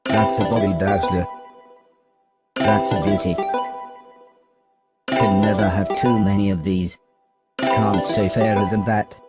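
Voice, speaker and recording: Video game role: greedy old lecher of a dealer, low slow muttering, gloating, music behind. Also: male voice, little pitch movement. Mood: gloating, appreciative. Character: shady, greedy old male junk dealer, leering over loot. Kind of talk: video game character barks.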